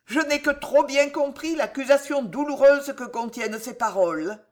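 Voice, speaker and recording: A woman's voice: high-pitched, normal speed, voice pushed up, natural voice. A woman voicing a wronged young noblewoman in an audiobook, trembling yet dignified as her words grow more intense. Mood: pleading. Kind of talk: audiobook reading.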